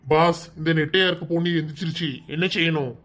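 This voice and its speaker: A man's voice: fairly high pitch, level tone, quick pace, fairly bright tone, close to an everyday voice. A man voicing a bossy, threatening kidnapper in a cartoon, with a Kanyakumari Tamil accent, barking orders and threats. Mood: gruff threatening. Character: gruff male kidnapper gang, bossy and threatening. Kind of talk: cartoon voice acting.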